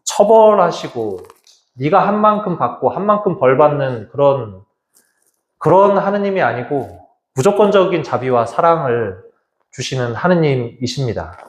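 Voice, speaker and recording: Priest in an echoey hall. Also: male voice, fairly high pitch, lively intonation, normal speed. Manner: conversational, vividly retelling with quoted voices. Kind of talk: Lenten lecture, storytelling.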